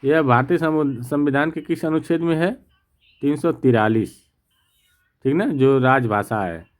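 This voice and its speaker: A man teaching an exam practice lesson, reading each question and its options aloud, then explaining the answer and checking with the class. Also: a little high. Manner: slow, methodical, reads options aloud; repeats "theek na" to check.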